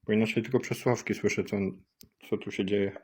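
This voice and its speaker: Brief: deeper-voiced guy doing a casual gadget unboxing, unsure and halting, on a cheap USB mic. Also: fairly even intonation, a little hiss or hum. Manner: hesitant, thinking aloud with many fillers. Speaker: product tester vlogger. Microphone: cheap USB microphone.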